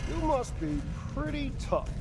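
A man's voice: extremely high pitch, sing-song, unhurried, heavily acted. An actor voicing a cocky, theatrical male villain in a video game, sardonic and taunting. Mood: menacing amusement. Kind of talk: video game cutscene acting.

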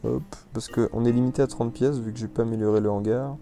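A man's voice: mid-range voice, steady tone, quick pace, gravelly. A man giving casual, rambling commentary on a video game, full of hesitations and restarts. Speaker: gameplay commentator. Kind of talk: casual let's-play commentary. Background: soft background music.

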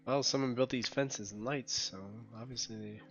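A man with a hoarse, scratchy voice from being sick, casually commenting on a game as a streamer and muttering to himself while playing. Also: medium pitch, steady tone, moderate pace, lo-fi sound, over music.

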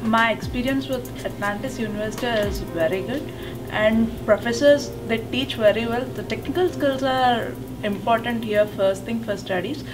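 A young woman with an Indian English accent, a new graduate speaking in a measured, plain way. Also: a little high. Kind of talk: testimonial interview. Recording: distant mic, background music.

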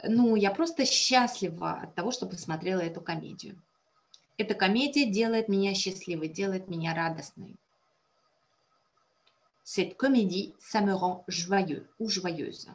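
Woman teaching french, native russian speaker, slow clear explaining, lots of "bravo". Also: medium pitch. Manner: encouraging, praises students often; explains and translates phrases step by step. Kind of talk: online conversation class.

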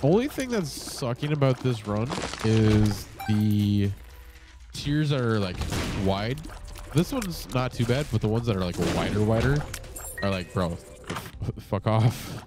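A man's voice: mid-range voice, big pitch swings, a little slow, music in the background. A man with a congested voice giving casual, rambling gameplay commentary at home, swearing often and full of fillers. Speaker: gaming channel host. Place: home setup with monitor.

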